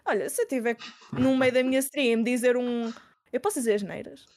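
A woman's voice: on the high side, brisk, a little mellow. A woman in her twenties from Lisbon with a European Portuguese accent touched by northern Portugal, chatting frankly as a guest in a casual interview and often restarting her sentences. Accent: European Portuguese, Lisbon with northern Portuguese influence. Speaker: guest streamer.

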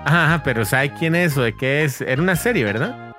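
A Costa Rican man with a lively, swooping voice co-hosts a casual gameplay chat, relaxed and joking. Game music plays clearly behind him. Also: fairly high pitch, brisk. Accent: Costa Rican Spanish. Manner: relaxed, joking, reads out the controls. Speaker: co-host.

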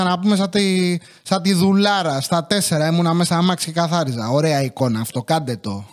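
A young man hosting a podcast, telling rambling comic stories full of swearing and grumbling. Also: on the high side. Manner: swears constantly, grumbling storyteller. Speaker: podcast host. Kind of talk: casual comic monologue.

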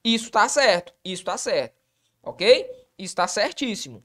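A woman with a Brazilian Portuguese accent, teaching grammar for exam prep in a lively way, asking quick questions and answering them herself. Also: medium pitch.

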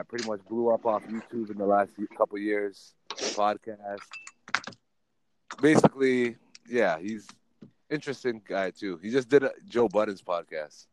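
A man's voice: lowish voice, a little hiss or hum, rough recording. A man in his forties hosting a casual podcast chat, laid-back and teasing, laughing often. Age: 40s.

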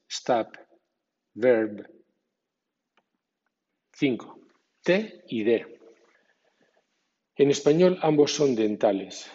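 Slow, careful male pronunciation teacher. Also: lowish voice, warm tone, slightly rough. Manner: slow, careful, demonstrates sounds and example words. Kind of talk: scripted instructional podcast. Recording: dull lo-fi sound with long reverb.

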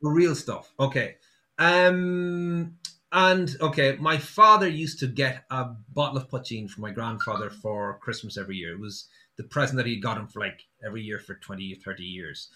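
Bright-voiced west of Ireland man. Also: medium pitch, a little fast. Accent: west of Ireland, Sligo. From Sligo, west of Ireland. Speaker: interviewed musician. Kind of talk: casual anecdotal chat.

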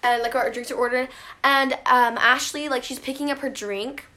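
A young woman with a high, bright, sharp-edged voice tells a story to friends. She talks casually and chattily, leaning on "like" and "um". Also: fairly even intonation, moderate pace. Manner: bright, chatty, filler-heavy.

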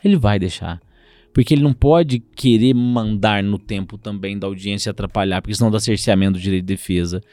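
A man's voice: lowish voice, quick pace, no echo. A man from Brazil, a lawyer in a conversational interview, acting out courtroom exchanges as he explains. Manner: animated, acts out courtroom exchanges.

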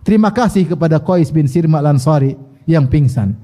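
A man preaches with a fairly high voice that still sounds mellow and warm. He tells the story lively, recites Arabic lines and translates each one, and throws questions at his listeners. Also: brisk. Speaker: Islamic preacher. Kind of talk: religious study lecture.

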